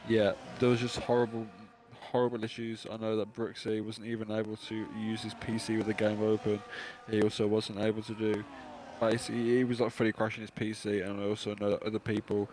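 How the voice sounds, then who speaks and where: Low, flat-voiced race co-commentator man. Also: a little hiss or hum. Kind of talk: live sim racing commentary.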